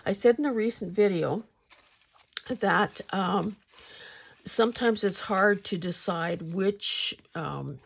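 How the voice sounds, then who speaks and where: An older woman hosting a casual craft vlog, speaking haltingly with a husky, gravelly voice, slightly mouth-full as if sucking a candy. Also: mid-range voice. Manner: halting, hesitant delivery with pauses. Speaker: craft channel host.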